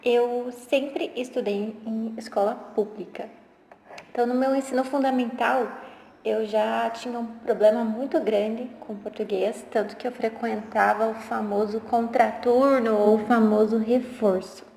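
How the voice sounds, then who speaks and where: A geography teacher in her twenties tells a chatty personal story about how she learned the language for exams, pitching her study method, with restarts and filler words. Her voice is on the high side, steady, a little slow, creaky, and slightly mellow, in a roomy space with long reverb.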